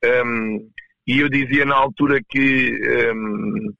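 A man with a European Portuguese accent answering as a coach in a casual interview, halting and repeating words as he goes. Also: medium pitch, fairly even intonation, gravelly, sharp tone, no echo, lo-fi sound. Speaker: roller hockey coach, interview guest.

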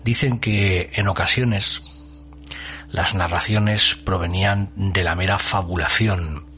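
A man hosts a radio show, delivering scripted, atmospheric narration in a solemn, deliberately phrased style with dramatic pauses. His voice sits low and sounds pushed and bright.

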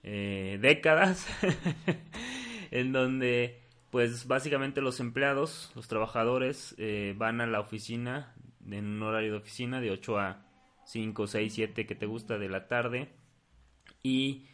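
A man co-hosts a relaxed podcast. His voice sits at an ordinary middle pitch, and he talks with many pauses, fillers and restarts as he works through his ideas. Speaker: podcast co-host. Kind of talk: casual podcast chat.

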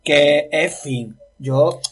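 A man's voice: on the high side, drawn-out words, breathy edge. A man in a casual film discussion, talking in a playful, chatty way. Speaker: film commentator.

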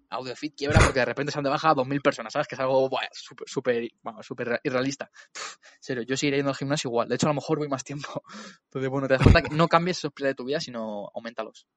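Fast-talking young Spanish man, slangy. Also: medium pitch. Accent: Castilian Spanish. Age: 20s. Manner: fast, animated, slangy, swears casually. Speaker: entrepreneur guest. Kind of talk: casual interview chat.

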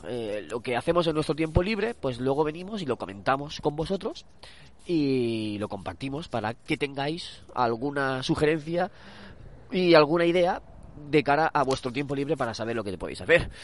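Out on a dog walk, this man hosts a casual, chatty podcast recommendation in a Castilian Spanish accent. His mid-range voice has lively intonation and a moderate pace, though a cold leaves it stuffed up and nasal. He wanders off track, pauses uncertainly and corrects himself as he talks.

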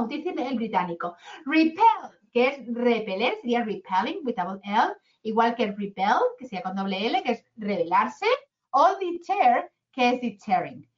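Woman, English teacher, chatty, high voice, muffled lo-fi sound. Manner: chatty, asks "¿vale?" often. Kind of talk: online grammar lesson. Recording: dull lo-fi sound.

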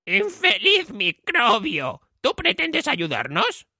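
A man's voice: very high voice, wildly swooping pitch, slow, vocal fry, bright, forceful tone, no room sound, clean studio sound, voice pushed up, full character voice. A man voicing a nervous, bumbling thief in a storybook reading, stammering and hesitant. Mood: gruff.

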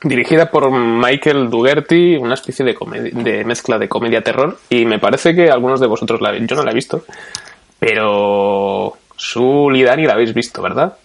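A man hosting a film podcast, calmly introducing topics and asking his guests questions. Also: medium pitch, creaky. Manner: leads with questions, measured. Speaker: podcast host.

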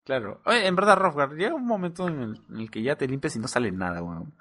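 A man's voice: on the high side, lively intonation, fast, fairly bright tone. A man hosting a casual podcast chat, joking and using crude slang over a voice call. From Peru. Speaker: podcast host.

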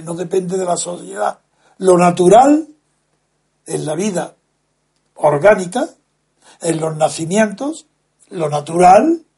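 A man talks through his point as a guest, slow and deliberate, hitting key words with weight. His voice sits fairly high for a man and has a husky, slightly rough edge. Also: warm tone. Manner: slow, deliberate, lecturing, emphatic stresses. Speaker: guest speaker. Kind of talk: measured explanatory talk.

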